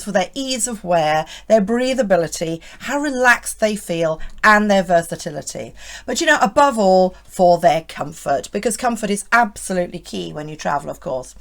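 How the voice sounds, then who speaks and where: A British style vlogger in her fifties chats through a friendly, scripted fashion vlog in a hoarse, mid-range voice. She sounds reassuring and chatty, often checking in with the viewer with "isn't it".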